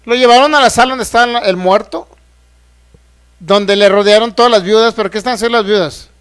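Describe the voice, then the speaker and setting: A man's voice: high voice, fairly quick, fairly bright tone, clear, resonant tone. A man, a pastor preaching a sermon who keeps asking the congregation rhetorical questions and acts out the voices he quotes. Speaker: pastor teaching a healing course.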